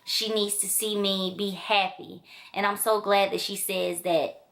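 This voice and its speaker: A woman's voice: mid-range voice, fairly even intonation, a little slow, a bit bright. A woman chatting casually and enthusiastically to her camera as she reviews a book, with loose filler-heavy talk. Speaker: book vlogger. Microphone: camera mic.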